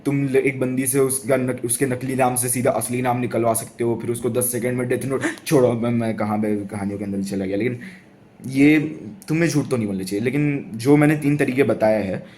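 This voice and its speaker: A man's voice: mid-range voice, fairly even intonation, brisk, darkish tone, a little hiss or hum. A young man giving casual dating advice to camera, rambling and laughing often, with lots of restarts and fillers.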